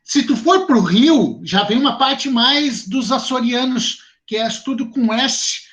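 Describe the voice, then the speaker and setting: A man with a Rio Grande do Sul accent teaching a class, lively and chatty, speaking straight to his students. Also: very high voice, measured pace. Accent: southern Brazilian, Rio Grande do Sul. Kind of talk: online class talk to students.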